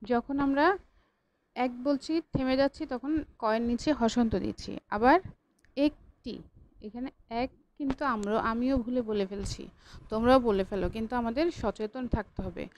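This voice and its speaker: Female lecturer, higher-pitched voice, patient online class delivery with self-corrections, faint background hum. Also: fairly quick, darkish tone. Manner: patient, repeats points, corrects own slips. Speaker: college lecturer.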